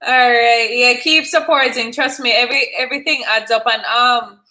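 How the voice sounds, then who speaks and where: A slightly high, sharp-toned female voice speaks at a normal, steady pace. She's the host of a call-in live stream, making easy conversation with a caller, laughing and warmly encouraging them.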